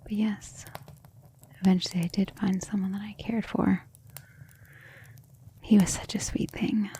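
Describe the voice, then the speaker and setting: Playing an ancient vampire lady for ASMR, this woman speaks low, soft and dark, her affectionate musings proud yet devoted and full of hesitation. The breathy murmur often falls to a whisper, refined and intimate, with vocal fry, a flat, unhurried, wistful and confiding delivery close to an everyday voice. Slight background noise is present.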